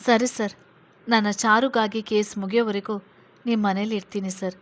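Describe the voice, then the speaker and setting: A woman's voice: medium pitch, steady tone, normal speed, lightly acted. A woman voicing a grieving young orphaned woman who pleads tearfully with an officer, calling him sir. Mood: resigned.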